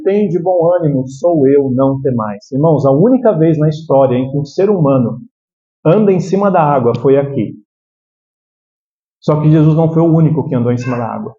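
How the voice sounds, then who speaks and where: A man's voice: high voice, mellow, dull audio. A man with a Brazilian Portuguese accent preaching a sermon, talking conversationally and checking in with the congregation. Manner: conversational, keeps asking the congregation "né?". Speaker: pastor.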